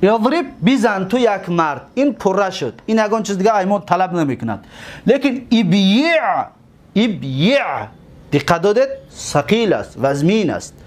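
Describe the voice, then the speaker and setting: Tajik-accented male teacher, high-pitched, repetitive drilling, frequent comprehension checks. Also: animated, a little mellow. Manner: repetitive, drills word forms syllable by syllable; checks understanding with rhetorical questions. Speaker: teacher of Arabic morphology. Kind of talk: classroom lesson.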